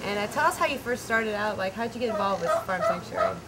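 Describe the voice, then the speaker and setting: A woman in her thirties with a mid-range voice asks questions in a bubbly, friendly way. She is recorded by a camera mic in a hay barn. Loud background noise and turkey gobbles sit behind her. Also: medium pitch, lively intonation, fast. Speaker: interviewer. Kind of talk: upbeat interview hosting.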